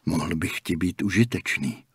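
A man voicing a calm, cryptic older male gas station attendant in an audiobook, speaking slowly and matter-of-factly in a hushed, half-whispered way. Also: low voice, breathy edge, no room sound, clean studio sound, heavily acted.

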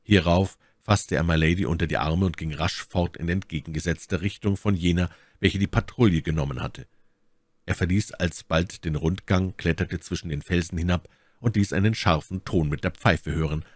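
A man reading a classic novel aloud as a narrator, with expressive, dramatic narration. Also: low voice, normal speed, no echo. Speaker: audiobook narrator.

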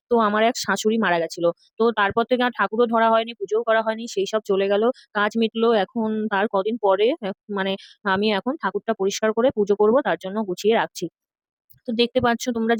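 A woman's voice: fairly high pitch, dry recording. A young woman, a mother, chatting casually to her viewers in a home vlog. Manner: chatty, talks straight to viewers. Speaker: mother vlogger. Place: rented home, indoors.

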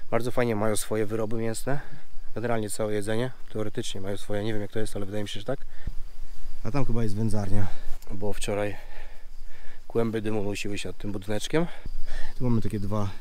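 A man's voice: fairly low pitch, a little mellow. A man in his forties from Poland with a slightly nasal voice from a mild cold, chatting casually to camera. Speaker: vlogger. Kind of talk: casual vlog chat to camera. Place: outdoors, open meadow and riverside trees. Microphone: camera at arm's length.

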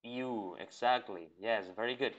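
Slow-talking teacher on a lo-fi call. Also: male voice, medium pitch, a bit bright. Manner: patient, repeats each sound, checks in with "¿ok?". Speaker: English teacher. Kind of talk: online class over video call. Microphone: video call. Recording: dull lo-fi call audio.

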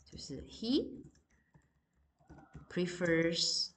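Low-voiced woman teaching English vocabulary. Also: very animated. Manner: explains in Mandarin, reads English examples slowly; addresses students directly with fillers like 好 and 哦. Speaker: high school English teacher. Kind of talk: recorded vocabulary lesson.

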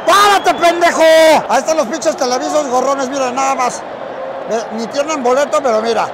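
A man's voice: very high voice, fairly even intonation, fairly quick, gravelly. A man with a Mexican accent hosting a crude, teasing street vlog, joking with fans outdoors. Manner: teasing, profane, chanting, laughing. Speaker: vlogger host interviewing fans. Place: outdoors in a busy crowded street outside a stadium. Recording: loud crowd and street noise.

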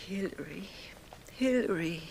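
An actress dubbing a gentle wife torn between duty and herself, speaking softly and often near a whisper in a 1930s film drama. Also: female voice, lowish voice, expressive, a little slow, gravelly, slight background noise.

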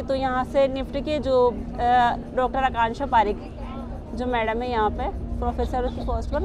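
Woman weaver, thirties, earnest explanation with pauses, craft fair stall, camera a few metres off. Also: on the high side. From Kaithoon, Rajasthan, India. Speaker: Kota Doria weaver and artisan. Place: indoor craft fair stall with saris on display.

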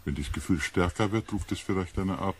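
An actor playing a sober, rational male scientist in a German radio play, husky and measured. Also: low-pitched, a little hiss or hum. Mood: sober, skeptical. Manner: measured, reasoning.

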